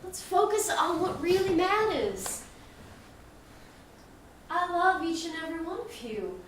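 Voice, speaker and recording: A woman's voice: very high voice, expressive, a little slow. An actress playing an earnest grown daughter, giving a heartfelt speech to her family. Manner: heartfelt, speechifying, fiercely protective. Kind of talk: film drama dialogue. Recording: roomy distant mic, faint hiss.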